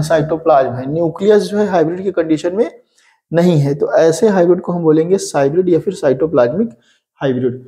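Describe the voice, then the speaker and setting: A man teaching an exam-prep lesson in a mellow, relaxed voice. His pitch sits a touch high. He keeps asking rhetorical questions and answering them himself. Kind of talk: explaining a lesson.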